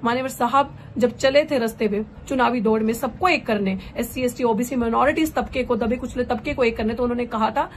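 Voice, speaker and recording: Fervent young woman activist, highish voice. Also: a little fast, hardly any pauses, slight background noise. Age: young adult. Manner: fervent, rousing, mixes English phrases into Hindi. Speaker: political candidate and activist. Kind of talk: impassioned political speech.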